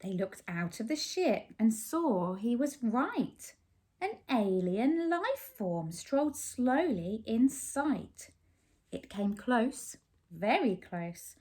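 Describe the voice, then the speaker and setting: With a fairly high, mellow voice, a woman reads a picture book expressively for small children. She stops to ask them simple questions and offer easy explanations.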